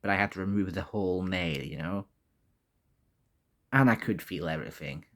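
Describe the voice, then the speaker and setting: A man talking casually and candidly in a personal vlog, halting often and swearing mildly. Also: low-pitched. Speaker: vlogger.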